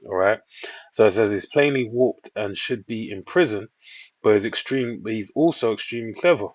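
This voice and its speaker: Reading news items and riffing on them informally, a man speaks at a moderate pace in an animated, fairly low voice. His reactions ramble into preacher-style asides, and he repeatedly asks "all right." It's captured on a dull lo-fi mic.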